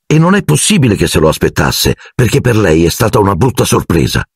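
A man's voice: lowish voice, sing-song, brisk, slightly rough, dry recording, clean studio sound, pitched above the performer's own voice, exaggerated voice. A man voicing a precise, earnest teenage girl. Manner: earnest, reasoning. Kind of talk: audiobook character voice.

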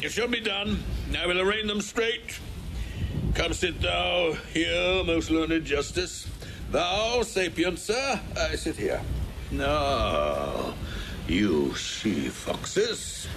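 A man's voice: fairly high pitch, expressive, very slow, heavily acted. An actor playing an imperious old mad king in a Shakespearean audio drama, declaiming grandly and erratically. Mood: imperious, deluded. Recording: storm-like ambient noise behind.

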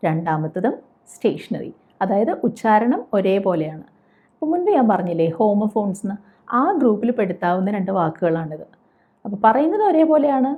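A woman's voice: medium pitch, warm tone. A woman teaching a spoken English lesson, patiently explaining and asking questions before answering them. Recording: tinny phone-like sound.

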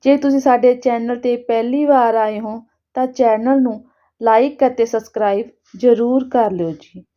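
A woman storyteller reading a scripted story in a measured, deliberate way. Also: on the high side, mellow, dull audio.

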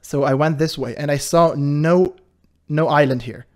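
This channel host is a man with a high voice who comments casually on a video he's reacting to. His delivery is lively and defensive, with frequent laughter, and his speed is normal.

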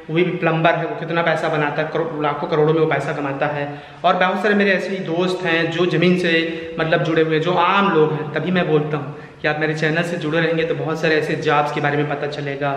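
A man in his thirties with a somewhat high, bright voice vlogs earnestly to a camera he holds at arm's length, explaining at length and going back over his points. He talks casually inside a bare house and outdoors, and the sound carries empty-room echo with faint noise.

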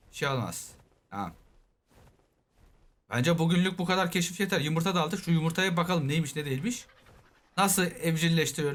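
Young male let's-play host, high and chatty, excitable running commentary. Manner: chatty, talks to himself and his game animal, excitable. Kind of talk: casual game commentary.

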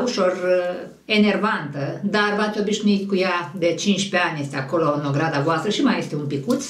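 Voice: mid-range voice, echoey room, distant mic. An astrologer giving a monthly horoscope in a conversational, digressive way that often corrects itself.

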